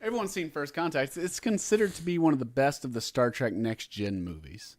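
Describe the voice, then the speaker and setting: A man co-hosting a podcast, chatting casually about movies in an animated, goofy way. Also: mid-range voice, brisk, no echo, studio quality. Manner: animated, goofy, sings and does voices. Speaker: podcast co-host.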